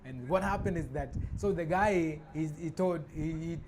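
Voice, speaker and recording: A man giving casual spoken commentary, halting and restarting often with many fillers. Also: a little high, darkish tone. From Tanzania. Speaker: vlogger. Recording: noisy background ambience.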